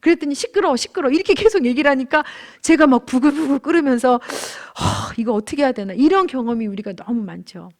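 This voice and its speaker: A woman with a slightly high voice gives a church lecture on marriage. She talks in an earnest, candid way, weaving in personal stories and acting out quoted arguments with animation. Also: darkish tone. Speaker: marriage class teacher at a church.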